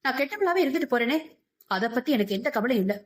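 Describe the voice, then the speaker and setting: A woman's voice: on the high side, expressive, fast, a bit bright. A woman voicing a stubborn, furious middle-aged mother who speaks fiercely and defiantly.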